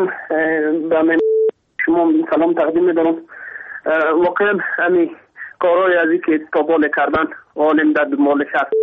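A man with an Afghan Dari accent calling into a radio show over the phone, hesitant and full of fillers. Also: on the high side. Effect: phone-line call into a radio show. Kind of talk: halting call-in question. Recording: tinny phone line on radio.

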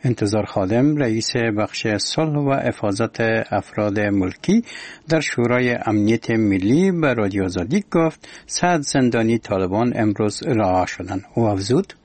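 A man with an Afghan accent reading scripted news in a solemn, measured, formal manner as a radio newsreader. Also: lowish voice, animated, a little mellow, dry recording. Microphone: close studio microphone.

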